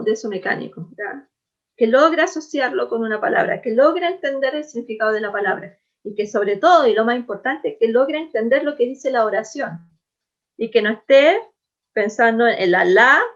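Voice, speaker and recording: A woman's voice: on the high side, dull audio. A woman with a Chilean accent teaching a class, explaining in a conversational way and often checking that students follow. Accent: Chilean Spanish. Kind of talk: classroom lecture.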